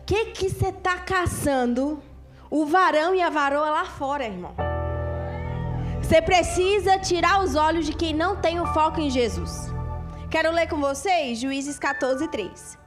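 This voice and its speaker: A woman pastor, preaching on a church stage in an animated way and acting out scenes. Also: sits high, a little slow. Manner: animated, acts out scenes, emphatic. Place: church stage before a congregation. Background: music.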